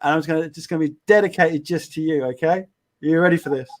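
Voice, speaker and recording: A man's voice: on the high side, fast talker. Chatty English man hosting a stream. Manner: rambling, repeats words, upbeat. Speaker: show host. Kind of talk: casual live-stream chat.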